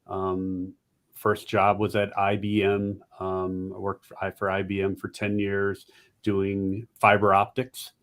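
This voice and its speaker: A man from upstate New York answering interview questions, halting, with frequent ums and uhs. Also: sits low, completely flat delivery, a bit bright. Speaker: guest, company founder.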